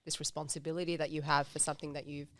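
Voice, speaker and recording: A woman's voice: low voice, level tone, rapid-fire, no room sound, studio quality. A woman co-hosting a faith podcast, asking thoughtful questions and affirming the guest. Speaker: podcast co-host. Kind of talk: interview questions.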